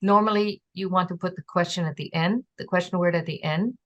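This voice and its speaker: A woman giving an online lecture on a constructed language, explaining slowly with pauses and sounding out example words. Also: on the low side, lo-fi sound. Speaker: presenter teaching a constructed language. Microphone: video call.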